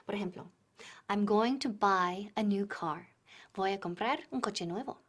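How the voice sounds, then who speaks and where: Slow-paced woman teaching English in Spanish. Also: medium pitch. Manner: mixes English and Spanish, explains step by step. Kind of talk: bilingual classroom-style lesson.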